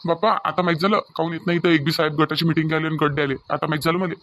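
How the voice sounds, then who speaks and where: A man's voice: a little high, little pitch movement, very fast, fairly bright tone, slight background noise, lightly acted. A man voicing a businesslike loan officer in a village cartoon, explaining terms with a Varhadi Marathi accent.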